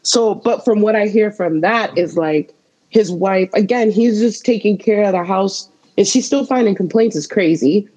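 A young adult woman talks through her thoughts in a loose, reflective way, like a podcast co-host in casual conversation. Her voice is mellow and a little husky, and her pitch sits in an ordinary middle range. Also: normal speed, poor audio. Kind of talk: casual chat.

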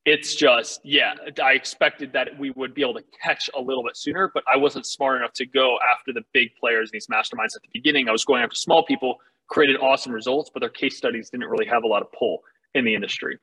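A man speaking as a startup founder, making a confident, candid startup pitch in a casual, salesy conversational way. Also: quick pace, bright, forceful tone, slightly rough, rough recording.

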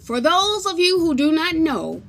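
Woman doing a loud, official courtroom bailiff. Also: extremely high pitch, big pitch swings, unhurried, pitched above the performer's own voice, full character voice. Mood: announcing. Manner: loud, announcing.

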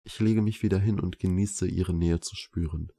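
A man calmly reading a first-person story aloud as narrator, in a measured pace. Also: low-pitched, gravelly.

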